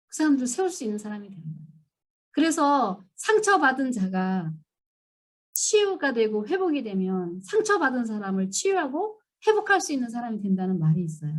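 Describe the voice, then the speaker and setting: Lively woman lecturing at a church seminar. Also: sits high. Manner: animated storytelling, acting out quoted scolding. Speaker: seminar speaker.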